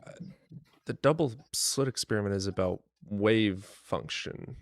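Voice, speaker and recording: A man's voice: fairly low pitch, unhurried, dry recording. A man bantering casually on a voice call, blunt and teasing in the way he talks. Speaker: panelist on a live debate stream. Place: online voice call.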